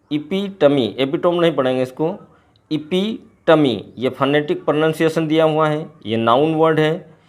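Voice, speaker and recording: Man teaching words slowly. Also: a little high. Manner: repeats each word slowly, then gives English and Hindi meanings. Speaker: English teacher. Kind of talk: explaining a poem's glossary word by word in a lesson.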